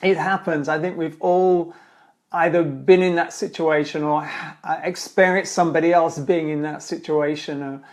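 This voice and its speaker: Chatty male host with a higher voice. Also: steady tone, normal speed. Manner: chatty, rambling, with many fillers and restarts. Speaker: speaking coach and trainer. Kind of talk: live-streamed Q&A monologue.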